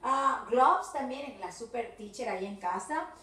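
A woman's voice: fairly high pitch, lively intonation, bright, forceful tone. A woman with a Rioplatense Spanish accent, teaching an English video class to children, mixing English and Spanish, encouraging and repeating words with frequent checks for understanding. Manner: switches between English and Spanish, slow and drawn-out for the children. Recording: echoey room with faint background hiss, from a distance.

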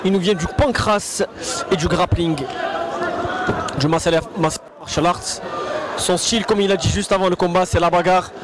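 A man's voice: sits high, steady tone, moderate pace, pauses often, very noisy. A man giving live MMA commentary, describing each move and often repeating and extending his phrases. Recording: loud crowd around the commentary. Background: loud event crowd.

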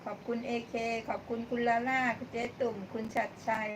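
A woman's voice: on the high side, fairly even intonation, brisk. A woman hosting a live-stream cooking show, chatting casually with viewers as she cooks, thanking them by name and laughing often. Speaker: livestream cooking host. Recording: distant mic with clear background noise.

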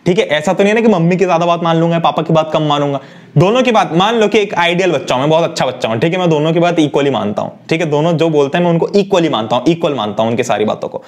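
A young man giving a lively, chatty lecture, often putting questions to his students as he teaches. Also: on the high side, rapid-fire. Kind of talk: energetic one-shot lecture.

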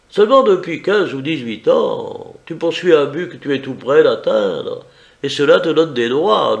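A man voicing a suave, mocking gentleman thief in a teasing, confident way. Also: fairly high pitch, gravelly, full character voice.

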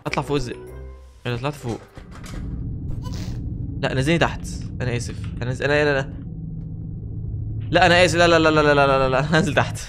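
An Egyptian Arabic-accented man narrates his own horror gameplay in a torrent of words, his voice sitting a little high. He is excitable and jokey and keeps talking back to the characters on screen, with faint music underneath. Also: fast, pauses often. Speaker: gaming video host. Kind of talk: let's play commentary.

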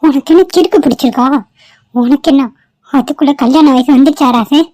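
A woman's voice: high voice, brisk, warm tone, no echo, lightly acted, poor audio. A woman voicing a middle-aged village mother in a cartoon, scolding and sarcastic toward her son. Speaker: mother of the groom. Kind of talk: cartoon voice acting.

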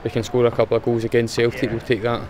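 This young Scottish footballer speaks fast in a mid-range voice with little pitch movement, over a noisy background. It's a plain, matter-of-fact post-match interview given outdoors in front of a sponsor board, and he uses fillers often.

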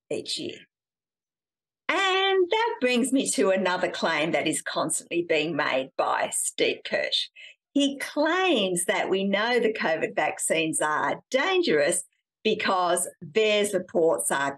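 Woman, middle-aged, science-video host; low, expressive voice, emphatic explainer, close camera in a small room. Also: vocal fry. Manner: animated, emphatic, gesturing with hands. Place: small indoor room, seated on a couch.

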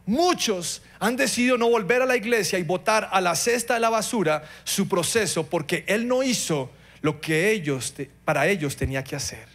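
A middle-aged man preaching a sermon, passionate, swinging between loud pleading and quiet moments. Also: high voice, animated, normal speed, hardly any pauses. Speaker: pastor.

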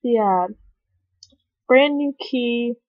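A young woman chats to her camera with a bubbly, rambling energy. She slips into giggly, dramatic asides, and her voice sits a little high. The recording is dull and lo-fi, with muffled highs. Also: very slow, no room sound. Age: young adult. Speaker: vlogger. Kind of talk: casual chat. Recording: dull lo-fi webcam audio.

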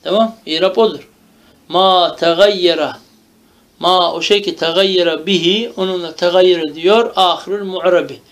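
Man, high-pitched voice, grammar teacher who quizzes his students and repeats key terms. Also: steady tone, normal speed, fairly bright tone. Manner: explains by question and answer, repeating each term. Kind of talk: lecture.

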